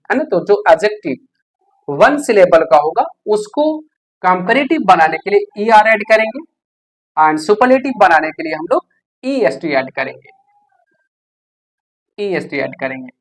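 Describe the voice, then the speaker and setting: Teacher voice, patient classroom explainer, medium pitch, hesitant fillers. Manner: explanatory, asks rhetorical questions, frequent "है ना?" checks. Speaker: English teacher. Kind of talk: classroom-style grammar lesson.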